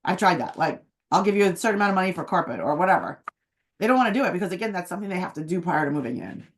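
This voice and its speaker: A woman with a hoarse, phlegmy voice that sits on the low side. She talks about the housing market in a chatty, casual way, with plenty of fillers. She sounds like a real estate agent giving a relaxed weekly update. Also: racing, a little hiss or hum. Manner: chatty, uses many fillers. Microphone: video call.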